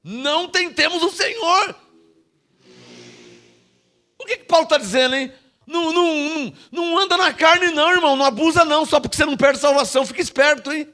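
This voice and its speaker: A man's voice: very high-pitched, fast talker, pushed and bright. A man with a Brazilian Portuguese accent preaching a sermon as pastor, emphatic and calling on the congregation to answer him. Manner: emphatic, calls on the congregation for responses.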